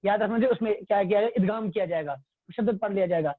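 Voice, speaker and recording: High-voiced and patient, this man teaches tajweed in an online religious class, asking his own questions, answering them, and going over material repeatedly to quiz the class. There's no room sound; the audio is dry and close but tinny, like a phone call, picked up by a phone or computer mic on a video call.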